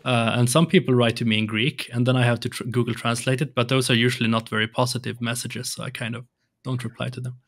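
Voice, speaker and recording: In a casual interview chat, a young Swedish podcast guest speaks English quickly, his mid-range, fairly bright voice keeping a fairly even intonation. Swedish is his first language, and his speech is hesitant with frequent restarts. He is in a home room with shelves and colored lights, wearing headphones at a large studio mic mounted on an arm.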